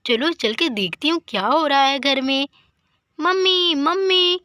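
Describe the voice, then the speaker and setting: A woman telling a village doll story in Hindi, chattering to herself in a lively, homely way. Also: sits high, normal speed, no echo, studio quality. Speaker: storyteller voicing all the dolls. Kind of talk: Hindi doll story narration with character voices.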